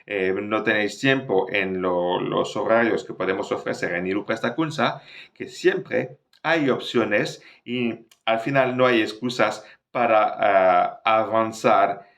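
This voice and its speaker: Slow, halting male French teacher. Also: lowish voice, creaky, a bit bright. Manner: slow, explanatory, many hesitations. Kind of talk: online language lesson.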